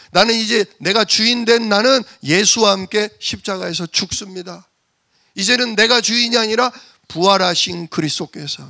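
A man's voice: sits high, gravelly, bright, forceful tone. A male pastor preaching a sermon, emphatic, with rhetorical questions and repetition.

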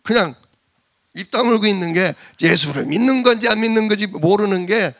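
A man preaching a sermon in a lively way, acting out the voices of the people he quotes. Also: sits high, normal speed. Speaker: pastor.

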